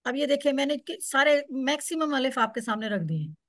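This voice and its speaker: High-voiced woman teacher, patiently drilling. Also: expressive, fairly quick, a bit bright, dry recording, studio quality. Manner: patient, explains step by step, repeats words to drill. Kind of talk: online Quran Arabic class.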